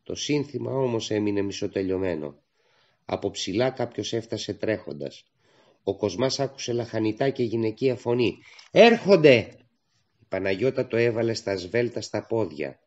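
A man narrating a literary audiobook in a steady, measured storytelling manner, on a dull lo-fi recording. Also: on the low side.

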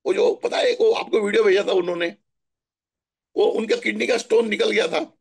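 A middle-aged man from Maharashtra telling stories in a chatty, animated way during a spiritual talk. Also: high voice, normal speed, creaky, husky. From Maharashtra, India. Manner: chatty, animated storytelling with asides. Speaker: spiritual guest answering questions.

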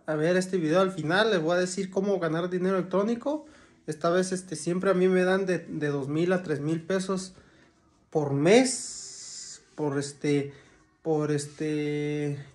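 Speaking casually to camera, a young vlogger with a Mexican Spanish accent fills his talk with fillers and restarts. His voice is a little high with a darkish tone.

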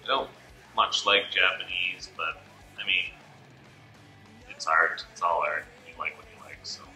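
A man's voice: sits low, fairly even intonation, a little slow, gravelly, pushed and bright. A twenty-three-year-old man speaking hesitantly in a seated interview. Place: studio with gray backdrop. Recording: roomy studio with faint music.

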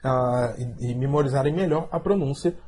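A man's voice: medium pitch, mellow, slight background noise. A man with a Brazilian accent teaching a beginner English lesson, pronouncing carefully and checking in with "ok?". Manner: slow, carefully spelled-out pronunciation with repeated "ok?".

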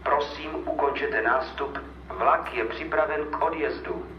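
Male station announcer, formal and impersonal, measured phrasing, heard over distant, heavily reverberant platform loudspeakers. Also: mid-range voice, lo-fi sound. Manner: measured, segmented, impersonal public-address delivery. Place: railway station, over public-address speakers. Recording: echoey station loudspeakers from far off, noisy.

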